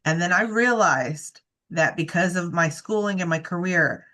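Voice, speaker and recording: Low-voiced woman, candid and practical. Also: normal speed, crowd noise. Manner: candid, thoughtful, practical, with some "um"s. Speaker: family caregiver for her parents. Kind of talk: casual heartfelt conversation.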